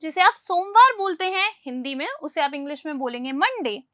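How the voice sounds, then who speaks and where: A woman's voice: high voice, big pitch swings, brisk, a bit bright, no echo, clean studio sound. A woman teaching English pronunciation, quizzing her listeners and repeating each word back. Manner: repeats words with quizzing questions. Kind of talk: spoken English lesson in Hindi.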